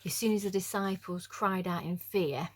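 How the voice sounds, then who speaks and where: A woman's voice: fairly low pitch, normal speed. A young woman giving a casual, jokey youth devotional talk, chatty and self-deprecating with lots of fillers. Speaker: youth speaker.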